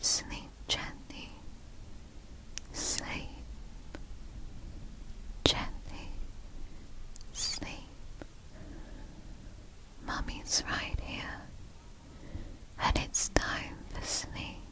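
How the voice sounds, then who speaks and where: A woman's voice: drawn-out words, pauses often, sharp tone, poor audio. A woman playing a tender, motherly girlfriend in a whispered role-play, speaking in an intimate, soothing whisper for sleep ASMR.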